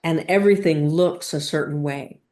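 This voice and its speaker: Low and darkish in tone, this woman's voice guides a spiritual lesson through measured, broken-up phrasing, pointed pauses, and leading questions.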